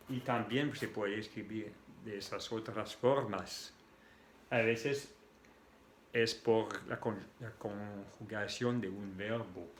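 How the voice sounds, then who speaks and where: Slow French-accented man teaching sounds. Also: fairly low pitch, roomy sound, slight background noise. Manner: spells out letters and repeats sounds patiently. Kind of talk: slow language lesson.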